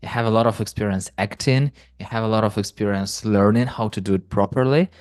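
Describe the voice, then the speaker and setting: Guy hosting, lowish voice, dry sound. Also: brisk, darkish tone, dry recording. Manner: asks questions with casual fillers. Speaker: podcast host. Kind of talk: interview questions.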